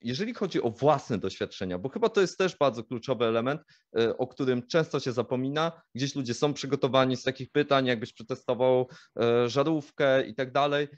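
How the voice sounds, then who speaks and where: A man co-hosting a vlog, asking measured follow-up questions in a casual talk. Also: mid-range voice, no echo, muffled recording. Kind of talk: casual conversational Q&A.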